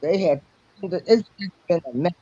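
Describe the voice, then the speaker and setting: A woman calling in on a choppy, glitchy line that breaks up every other word, talking haltingly with many restarts. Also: on the low side, animated, dark tone, slight background noise. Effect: choppy, glitchy call audio that breaks up every other word. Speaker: caller joining a livestream. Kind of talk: casual call chat. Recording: dull lo-fi call line from far off.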